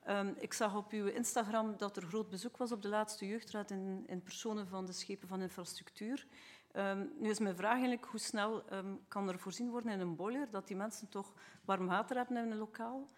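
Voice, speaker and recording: A woman's voice: mid-range voice, a little fast. Earnest Flemish council woman. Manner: earnest, detailed, steady. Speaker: city council member. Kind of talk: asking questions at a council meeting.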